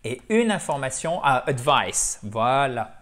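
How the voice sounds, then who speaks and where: A man who speaks natively, teaching English in a lively, chatty way and drilling words over and over. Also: mid-range voice, takes it slowly. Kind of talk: French-language English lesson.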